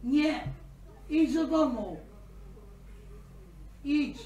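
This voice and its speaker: Woman, slow, repeated urging, far away, echoey. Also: sits high, animated, mellow.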